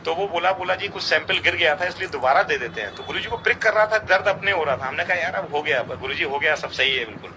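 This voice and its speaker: A man's voice: a little high, fast talker, hardly any pauses. A middle-aged man earnestly recounting a devotional experience, quoting others in dialogue. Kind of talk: storytelling testimony. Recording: outdoor traffic noise behind.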